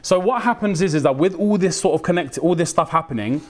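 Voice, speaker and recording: Lively British man preaching. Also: on the high side, fast. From United Kingdom. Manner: lively, slangy, acts out quoted voices. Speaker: Islamic preacher. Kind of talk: religious talk.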